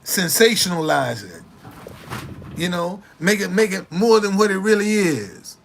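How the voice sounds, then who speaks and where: Man, late sixties, casual talk to camera, street slang, repeats himself, fairly high voice. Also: a little slow, creaky, slight background noise. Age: 60s. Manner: animated, repetitive, indignant retorts.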